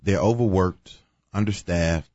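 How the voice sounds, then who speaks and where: A man's voice: low voice, measured pace, darkish tone, no room sound, highs cut off. A man co-hosting a casual talk show, arguing his points emphatically, with sarcastic asides. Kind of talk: casual opinion chat.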